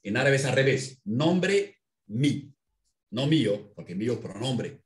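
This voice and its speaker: A man teaching a language in an interview, patiently explaining and spelling out words slowly. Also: mid-range voice, sing-song, reverberant. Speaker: Arabic language instructor.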